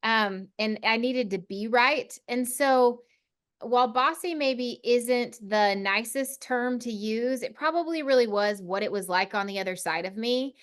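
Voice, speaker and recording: A woman's voice: a little high, a little slow, a bit bright, clear, resonant tone. A woman in her forties from Oklahoma, a podcast guest talking confidently and articulately about leadership in a casual interview. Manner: confident and articulate, self-deprecating. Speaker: podcast guest, CEO of a consulting firm.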